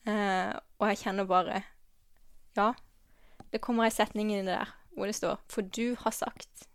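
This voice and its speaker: A woman giving a personal faith testimony, halting and earnest, with many pauses and restarts, sometimes dropping to a soft whisper. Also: mid-range voice, fairly even intonation, no echo. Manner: drops to a soft whisper at tender moments. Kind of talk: personal testimony, spoken from memory.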